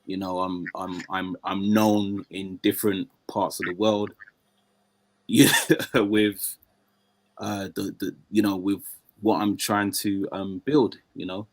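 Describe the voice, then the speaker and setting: Low-voiced man, halting, dry sound. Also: little pitch movement, no echo. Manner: halting, many fillers and restarts. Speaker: guest. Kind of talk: casual conversation.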